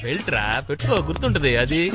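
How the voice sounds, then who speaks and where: A man's voice: on the high side, big pitch swings, fast talker, loud music behind the voice. An actor playing a stern middle-aged father lecturing his son in a film comedy. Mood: scolding. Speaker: scolding father.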